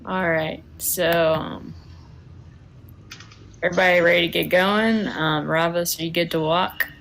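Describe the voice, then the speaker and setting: A woman's voice: lowish voice, steady tone, a little slow, creaky, a bit bright, slight background noise. A woman playing a tabletop game over a voice call, easygoing and hesitant, trailing into fillers. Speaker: player. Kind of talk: casual tabletop game chat.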